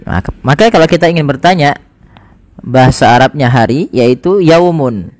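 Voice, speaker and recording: A man giving a casual spoken language lesson, saying phrases slowly and clearly, then explaining them in an easy, chatty way. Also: on the high side, animated, big-room sound. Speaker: Arabic teacher.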